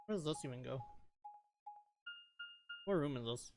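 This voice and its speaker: A man's voice: mid-range voice, expressive, a little slow. Young guy streaming a game, reads text aloud, cusses, faint music behind. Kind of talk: live game stream, reading along.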